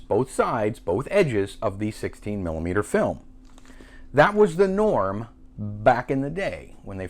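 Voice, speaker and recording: A man's voice: mid-range voice, a little mellow. A man hosting a casual filmmaking tutorial, chatty and self-correcting as he demonstrates a camera. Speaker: filmmaking channel host.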